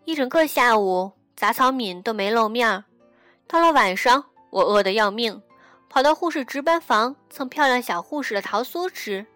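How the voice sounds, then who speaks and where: A woman reading a story aloud in a gentle, intimate storytelling manner, acting out the dialogue as she goes. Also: on the high side, animated, moderate pace, no echo. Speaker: radio reader. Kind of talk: storybook narration over music. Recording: dry close mic with soft background music.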